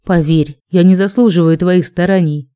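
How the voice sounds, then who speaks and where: A man's voice: high-pitched, fairly even intonation, dark tone, clear, resonant tone, lightly acted. A woman reading a cold, contemptuous dragon man. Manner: slow, contemptuous, menacing. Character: cold proud male dragon husband.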